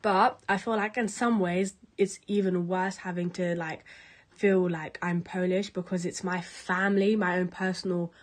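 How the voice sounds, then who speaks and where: A woman's voice: fairly low pitch, fairly even intonation, moderate pace. A young woman, talking candidly in a casual interview. She rants a little and swears freely.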